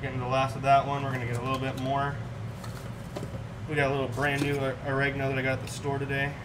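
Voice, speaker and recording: Chatting in a laid-back way with his chat while preparing food, a young cooking show host streams from his home kitchen. He speaks quickly at a medium pitch with a completely flat delivery, captured on a distant mic with clear room noise.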